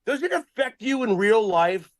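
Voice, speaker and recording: A man's voice: sits high, animated, normal speed, no echo, clean studio sound. A man hosting an interview who asks blunt, casual questions and swears freely. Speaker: interview host.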